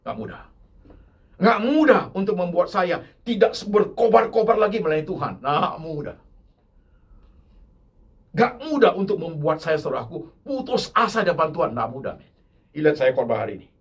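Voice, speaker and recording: Older guy pastor preaching, husky voice, pitch jumps all over, gets loud on the repeats. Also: lively intonation, moderate pace, long pauses. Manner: swings from low murmurs to loud emphatic repetition, mixing in English words. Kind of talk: sermon.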